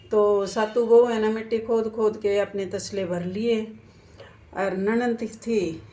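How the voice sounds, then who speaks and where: A middle-aged woman narrates a devotional fasting tale from her puja corner at home. She speaks slowly and homely, with a soft, mellow tone, stopping now and then to correct herself. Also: mid-range voice, slight background noise. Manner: unhurried, homely, self-correcting. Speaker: devotional storyteller. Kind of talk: homely devotional story-telling.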